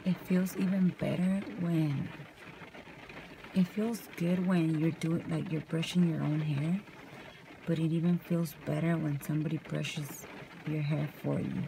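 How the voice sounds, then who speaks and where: Soft-spoken young woman, ASMR chat. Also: sits low, little pitch movement, measured pace, creaky, slight background noise, poor audio. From California. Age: young adult. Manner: softly spoken, rambling and casual while brushing her hair. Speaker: vlogger. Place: parked car at night, rain outside. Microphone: camera close up.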